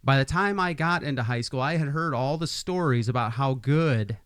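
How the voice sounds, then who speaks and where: A man's voice: mid-range voice, normal speed, fairly bright tone, clear, resonant tone, no room sound. Forties guy from iowa hosting a podcast, hypes things up, rambles a bit, dry mic. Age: 40s. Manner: upbeat hype-man intros, chatty with many restarts. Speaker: podcast host. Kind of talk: casual podcast interview.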